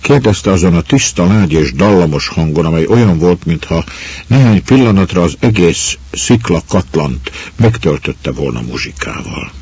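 A man reading a story aloud in a slow, measured way. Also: sits low, lively intonation, a little mellow, breathy edge, no echo. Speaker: narrator. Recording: dull muffled recording.

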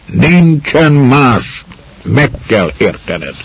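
A stern old landowner, gruff and used to being obeyed, as a male reader puts him on. He pushes out commands in a raised, hoarse-edged voice. The audio is a little muffled. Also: mid-range voice, sing-song, voice pushed up. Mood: pleading, stern. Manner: commanding, shouting orders.

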